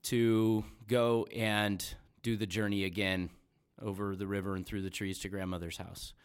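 Middle-aged dad, low voice, folksy guest recounting a hunt. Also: male voice, flat delivery, moderate pace, clear, resonant tone. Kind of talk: casual storytelling.

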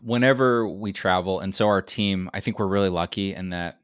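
A man with a gravelly, whiskey-rough and slightly hoarse voice, talking informally and ramblingly as a guest in an interview. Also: low-pitched, normal speed, no room sound, studio quality. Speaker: podcast guest, retail research lead. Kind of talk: casual interview talk.

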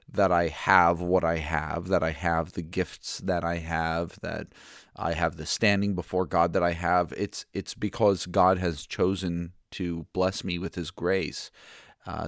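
A man with a lowish voice teaches through scripture in a relaxed, conversational style. He thinks out loud, circles back to restart his phrases, and keeps checking in with listeners. The sound is close and dry, with no room around it. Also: dry recording. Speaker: podcast host teaching through a Bible reading plan. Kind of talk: casual Bible teaching commentary.

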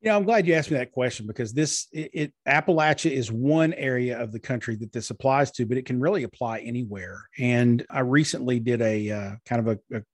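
Husky-voiced man explaining. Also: mid-range voice, a little fast, few pauses, no room sound. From eastern Kentucky, USA. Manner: earnest, explanatory, with frequent fillers. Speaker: guest, marketing strategist. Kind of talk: conversational interview.

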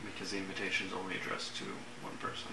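A man's voice: sits low, sing-song, fast, creaky, far from the mic. A man narrating a tabletop game as the game master. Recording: echoey room with loud noise.

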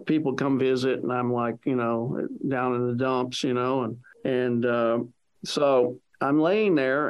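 A man's voice: medium pitch, creaky, clean tone. A man being interviewed, telling a long personal story in a rambling way, full of "you know" fillers, and acting out what other people said. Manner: acts out quoted speech of others.

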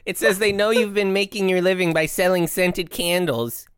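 A woman's voice: fairly low pitch, moderate pace, clear, resonant tone. A woman playing a tabletop game, wry and playful. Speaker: player.

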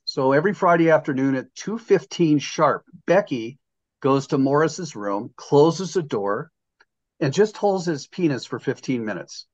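A man's voice: fairly high pitch, expressive, measured pace, highs cut off. An older man hosting a casual sports podcast, jokey and rambling, with lots of restarts. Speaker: podcast host.

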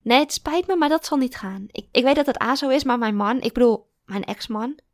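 A woman voicing an older female kindergarten teacher, tipsy and tearful, who rambles in a high, excitable voice. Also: brisk, no room sound, studio quality, natural voice. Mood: rambling.

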